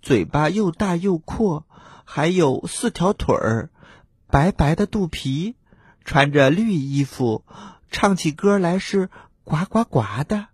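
A man's voice: a little high, lively intonation, takes it slowly, husky, no room sound, clean studio sound, voice pushed up, full character voice. A man voicing a group of eager little tadpoles in a storybook, calling out and pleading. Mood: asking. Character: chorus of eager little tadpoles, small and childlike. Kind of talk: storybook role-play.

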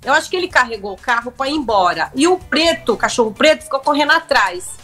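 A young woman tells a story as a guest, her voice sitting high and climbing higher as she acts out what people said. She talks in emotional, breathless bursts with frequent restarts, and soft music plays faintly behind her. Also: expressive, fast. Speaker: guest, reality show contestant. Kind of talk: animated storytelling in a chat.

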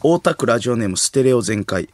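A man's voice: mid-range voice, fast. A young man with a Kansai accent, co-hosting late-night radio, joking and reading listener mail aloud in a studio. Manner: lively, jokey, reads listener mail aloud. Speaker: radio show co-host. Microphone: studio mic.

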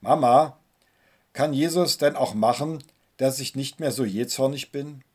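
A husky-voiced man playing a small, hot-tempered boy who whines and complains as he tells a story in a sermon. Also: mid-range voice, measured pace. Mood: anxious questions. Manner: complaining, pleading.

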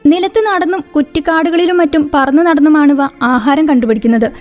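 A woman reading a scripted nature narration at an even, informative pace. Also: sits high, brisk. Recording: faint background music.

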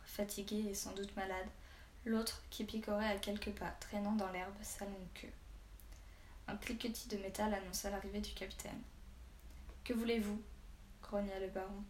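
A woman's voice: mid-range voice, little pitch movement, moderate pace. Woman narrating an audiobook, roomy echo. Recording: roomy echo, faint background hiss.

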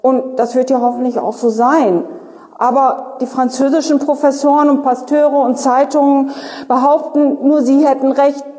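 A woman reading the lines of a young male soldier who asks probing questions, read aloud slowly and evenly. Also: very high voice, fairly even intonation, dark tone, big-room sound, pitched above the performer's own voice.

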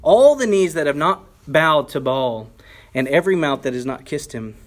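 A man's voice: on the high side, lively intonation, normal speed. A male pastor preaching a sermon, earnest and conversational, with emphatic rises when quoting scripture. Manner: conversational asides to the congregation.

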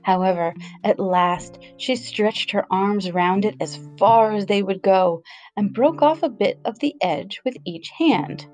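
A woman narrating a children's story aloud in an expressive, storytelling way. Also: mid-range voice, a little slow, faint music behind, rough recording.

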